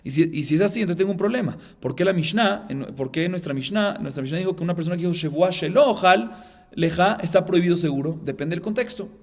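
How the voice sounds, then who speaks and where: Fast-talking rabbi teaching Talmud. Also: male voice. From Colombia. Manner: fast, animated explaining, acting out the case dialogue, reading Aramaic in a low murmur. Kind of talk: Talmud class.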